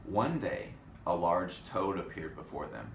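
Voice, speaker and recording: A man with a low-pitched voice and lively intonation reads to children at a measured pace, bringing the storybook to life and chatting with the kids between lines. The room echoes, and faint background noise can be heard.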